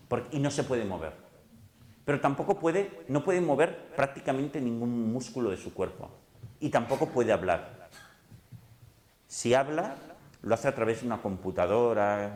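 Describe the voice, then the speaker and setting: A middle-aged man with a Spain Spanish accent gives a lively, conversational psychology talk, acting out little dialogues as he speaks. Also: medium pitch. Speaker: psychologist giving a lecture. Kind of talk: lively public talk to an audience. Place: lecture hall. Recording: echoey lecture hall.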